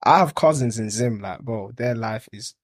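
A young man talks in a London roadman accent, with a husky voice recorded dry and close. His delivery is casual, slang-heavy and emphatic, like someone making motivational points among friends. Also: medium pitch, moderate pace, no room sound. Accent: London, urban street slang. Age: young adult.

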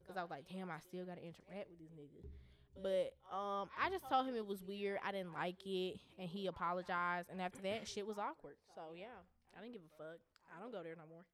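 A woman's voice: lowish voice, fairly quick, fairly bright tone. A young woman in her twenties co-hosting a podcast, telling a candid, profane story in casual chat with lots of fillers. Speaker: podcast co-host.

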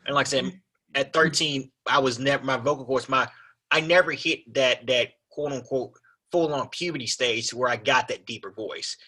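A young man with a raspy voice, telling his story as a podcast guest in a laid-back, rambling way. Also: medium pitch, moderate pace, bright, forceful tone. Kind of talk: casual conversation.

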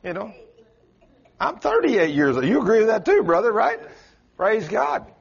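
A man in his late sixties preaching a folksy sermon, quizzing his congregation and rising to loud exclamations. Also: high-pitched, wildly swooping pitch, normal speed, gravelly, dull audio. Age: 60s. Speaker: pastor.

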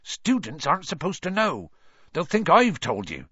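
A man voicing a big, secretive gamekeeper who talks in a shifty, hushing way, in a dull, dry recording. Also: a little high, wildly swooping pitch, normal speed, dry recording, pitched above the performer's own voice, full character voice. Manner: shifty, hushing, gruff warnings.

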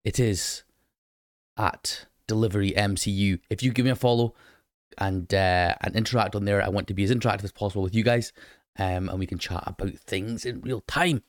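Hoarse, croaky man hosting a podcast. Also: on the low side, fairly even intonation, a little fast, no room sound, studio quality. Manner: chatty, lots of ums, talks straight to listeners. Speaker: podcast host. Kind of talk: casual solo podcast chat.

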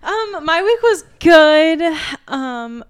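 A woman's voice: extremely high pitch, very animated, extremely slow. A woman co-hosting a podcast, chatting casually and telling a long story full of "like" fillers, often acting out what other people said. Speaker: podcast co-host. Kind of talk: casual chat.

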